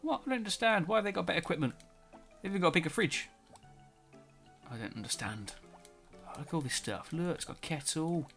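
Lively and fast, this man's voice sits on the high side, creaky yet fairly bright. He's doing a relaxed let's play, reading the game's text out loud while a cold leaves him a bit nasal with a sore throat, and faint music plays behind him.

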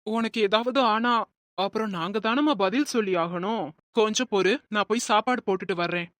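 Woman doing a kind middle-aged cartoon man, concerned, gently scolding, dry close recording. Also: medium pitch, moderate pace, no room sound, natural voice. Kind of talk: cartoon voice acting.

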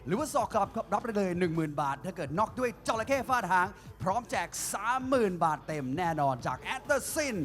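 A man working as a ring announcer, introducing fights in an excited, showy style with drawn-out build-ups. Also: high voice.

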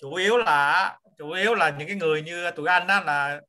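A man chimes in from an online class, his speech halting and full of fillers. His voice is bright and sits fairly high for a man. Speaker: student in the class.

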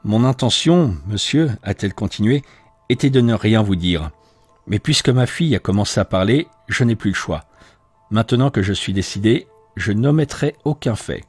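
A man's voice: fairly low pitch, expressive, normal speed, a little mellow, husky, no echo, faint music behind. A man voicing an anxious middle-aged widowed landlady who speaks in a troubled, pleading way. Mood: weary.

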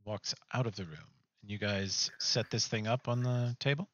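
Low-voiced male game master. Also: moderate pace, fairly bright tone, muffled recording. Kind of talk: casual tabletop game narration.

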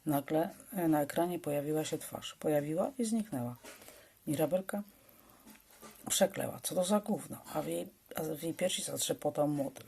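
Low, husky woman reading a story. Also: moderate pace, dark tone. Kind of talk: reading an adult story aloud.

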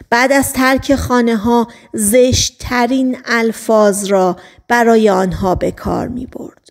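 A woman narrating a novel as an audiobook, in measured storytelling that slows on key phrases. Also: on the high side. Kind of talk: scripted narration.

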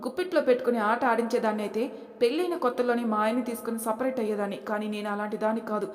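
A young daughter-in-law who stands her ground with firm, pointed words, as a woman narrator puts her on. She speaks quickly in a slightly high voice. The room rings with a long echo. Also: natural voice. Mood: defiant. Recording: echoey reverberant room.

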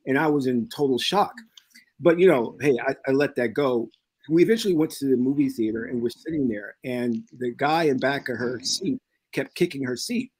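A soft-spoken man who calls himself meek, telling an anecdote in casual discussion. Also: mid-range voice, lively intonation, normal speed, husky.

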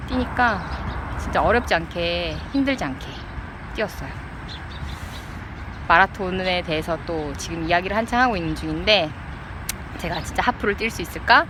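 A person recording a casual, unscripted vlog diary outdoors, chatting reflectively to viewers and pausing mid-thought. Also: mid-range voice. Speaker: vlogger. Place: outdoors by a riverside path. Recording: outdoor noise, traffic and city ambience.

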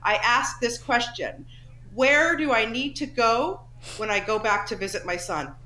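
A woman's voice: on the high side, unhurried, pushed and bright, reverberant, poor audio. A middle-aged woman from Canada hosting an entertainment interview, effusive and chatty.

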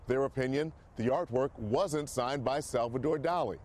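Male TV news reporter, measured delivery. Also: medium pitch, a little mellow. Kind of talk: scripted news narration.

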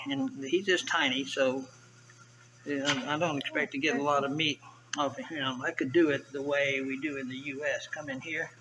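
An older man talks his way through filleting fish, thinking out loud in an easygoing way. His voice is bright and a little forceful. A faint hiss of room noise sits under the camera-mic sound. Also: mid-range voice, rough recording. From US South. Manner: relaxed, chatty, thinking aloud while filleting fish. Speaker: vlogger. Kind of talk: casual how-to narration. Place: indoor tiled kitchen counter.

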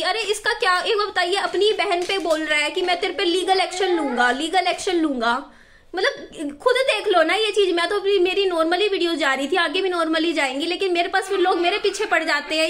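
A woman's voice: very high-pitched, a bit bright. A young woman vlogging in a heated, defensive rant, repeating herself and near tears at times. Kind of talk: emotional vlog rant.

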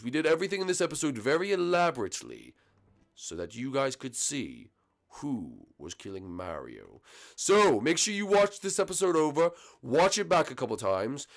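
A blustery reptile king, voiced by a man who hosts the show and speaks straight to camera. He plays it mock-dramatic. The voice rises and falls lively in a homemade puppet comedy. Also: mid-range voice. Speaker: host.

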